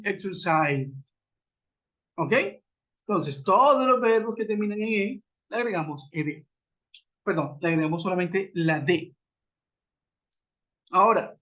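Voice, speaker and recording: A man with a high-pitched, sharp voice teaches an English grammar lesson in a webinar, patiently repeating and spelling out examples. He's heard through a computer mic on a web call, with dull lo-fi conference audio.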